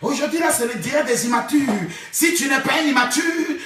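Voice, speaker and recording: A man doing rowdy live-stream commentary, shouting, chanting and mocking. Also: very high voice, fairly quick, music in the background. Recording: echoey room, far from the mic.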